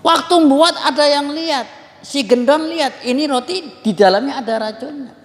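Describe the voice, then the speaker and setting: A man's voice: very high voice, moderate pace, long reverb tail. A man teaching a religious study session, telling stories animatedly and addressing the audience directly as sir and ma'am. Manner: animated storytelling preacher, addresses audience as Pak and Bu. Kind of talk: Islamic study lecture.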